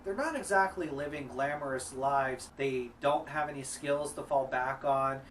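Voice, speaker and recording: A man's voice: medium pitch, normal speed, fairly bright tone, recorded from a distance, slight background noise. A man co-hosting a casual review chat about wrestling films, enthusiastic and conversational.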